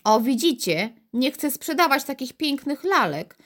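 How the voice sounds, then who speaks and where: Irritated shoppers from a children's storybook, impatient and grumbling. The voice is pitched up and animated, performed by a woman reading aloud. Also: moderate pace.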